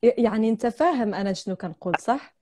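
Warm and fairly high-pitched, this young woman's voice is expressive and quick as she hosts a livestream from home. With a Moroccan Arabic accent, she laughs often and tells stories in a relaxed chat, recorded over a video call on a laptop or phone.

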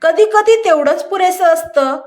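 A woman's voice: extremely high pitch, moderate pace, a little mellow. A woman voicing a firm young nurse.

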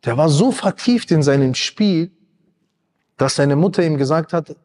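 A high-pitched man preaches with passion, his voice climbing into pleading cries. He sounds like he is in his thirties and speaks straight to his listeners. The sound rings with a long reverb, as if in a large mosque hall. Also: lively intonation, measured pace, darkish tone. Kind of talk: emotional sermon.

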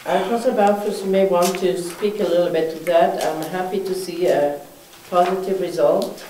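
A woman mayor chairing a town council meeting, moving briskly through agenda items in a council chamber. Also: lowish voice, fairly even intonation, dark tone. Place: council chamber, indoors, mid-sized room. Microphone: far room mic. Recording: echoey room, distant mic, faint hiss.

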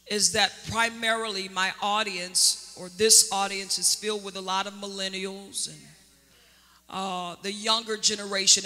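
A woman's voice: mid-range voice, sharp tone. A woman preaching a sermon as a prophetess, stretching key words with dramatic emphasis and calling on the congregation to answer. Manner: dramatic drawn-out emphasis, call-and-response. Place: church sanctuary. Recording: long church hall reverb.

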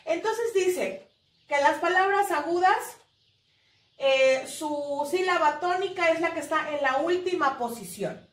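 A Mexican woman teaching a primary school class online, drawing out words slowly to mark the stressed syllable. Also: extremely high pitch. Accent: Mexican Spanish. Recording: echoey room, voice a little far from the mic.

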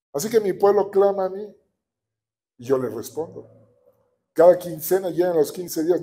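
A man with a Mexican accent preaching a sermon as a pastor, animated and often asking the congregation for agreement. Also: fairly high pitch. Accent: Mexican Spanish.

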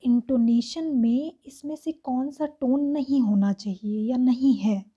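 A woman teacher, reading exam questions aloud slowly and explaining each answer step by step. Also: sits high, mellow, breathy edge, highs cut off. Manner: slow, reads English questions aloud word by word then explains in Hindi. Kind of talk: exam-prep lesson.

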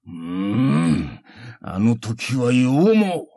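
A man voicing a calm, mocking monk who is secretly a ninja, speaking slowly in archaic, quietly taunting phrases. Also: medium pitch, no echo, studio quality, exaggerated voice.

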